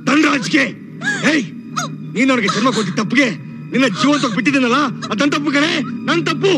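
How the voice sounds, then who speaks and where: An actor playing an arrogant, power-hungry husband who shouts threats at his wife, in film melodrama dialogue. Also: very high-pitched, quick pace, over loud music. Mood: menacing. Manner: domineering, shouting threats, villainous.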